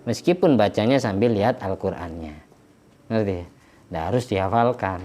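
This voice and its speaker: A man's voice: lowish voice, expressive, normal speed, mellow, slight background noise. A man, an Islamic preacher, explaining worship practice plainly and chanting verses in Arabic during a religious study lecture.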